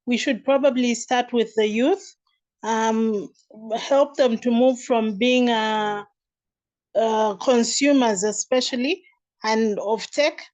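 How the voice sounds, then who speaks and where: A woman from Zambia speaking as a panelist in an online discussion, measured with hesitations. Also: fairly high pitch, darkish tone. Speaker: panelist, digital freelancer. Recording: muffled online call audio.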